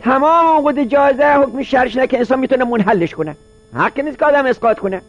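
A man's voice: very high-pitched, muffled recording. A man teaching a seminary class, reading phrases from a classical Arabic legal text and then explaining each one in plain everyday speech.

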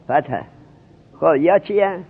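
A man's voice: on the high side, animated. A man teaching a seminary grammar class, questioning and drilling his students as he explains. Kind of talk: Arabic grammar lesson in Persian. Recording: tinny lo-fi narrowband recording.

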